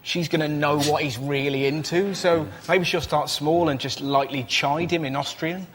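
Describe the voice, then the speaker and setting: A man on a comedy panel, telling jokes in an animated way. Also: fairly high pitch, moderate pace. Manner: animated storyteller. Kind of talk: panel show banter.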